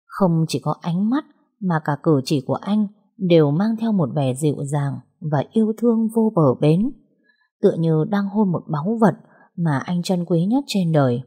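Female narrator for a first-person audiobook; soft, steady delivery, husky and mellow. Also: lowish voice, normal speed.

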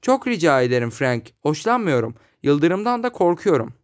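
A man's voice: on the high side, sing-song, normal speed. A man doing a frightened pleading young woman. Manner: pleading, anxious. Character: young woman tennis player, frightened of lightning.

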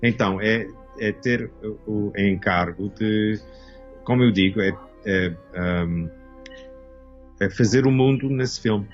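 A man's voice: on the low side, slow, highs cut off, faint music behind. A Canadian-born man in his fifties, a costume designer speaking as an interview guest, hesitant and searching for words with many restarts. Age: 50s. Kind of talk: casual interview talk.

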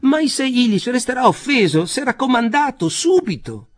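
A man voicing a frail, fawning old man who pleads in a high, agitated voice, in a storybook reading. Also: very animated, moderate pace, full character voice. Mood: alarmed.

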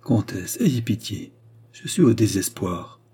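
Desperate lovesick cardinal, read by a man; imploring and emotional; low, dark, husky voice. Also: lively intonation, slow, heavily acted.

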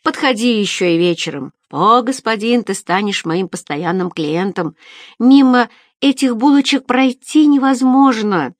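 A woman's voice: fairly high pitch, expressive, unhurried, dry recording, voice pushed up. Woman narrator doing a fawning, bullying tradesman: raised, syrupy hawker's voice, dry close sound. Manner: loud, sugary hawker's patter. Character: fawning, bullying adult male baker.

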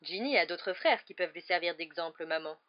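A woman's voice: on the high side, big pitch swings, fast talker, voice pushed up. A woman voicing a haughty, self-important teenage boy in a storybook reading, with a slightly dull recording. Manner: haughty, superior.

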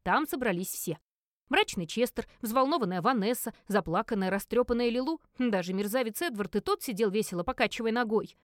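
A woman reading a first-person audiobook in an expressive storytelling manner, close to the mic. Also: a little high, fairly quick, no room sound. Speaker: narrator.

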